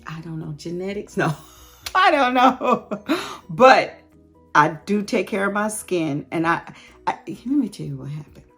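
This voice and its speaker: A woman's voice: fairly low pitch, normal speed, a bit bright, soft background music. A woman in her late fifties chatting candidly and laughing often as she answers viewer questions in a casual vlog. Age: late 50s. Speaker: YouTube host.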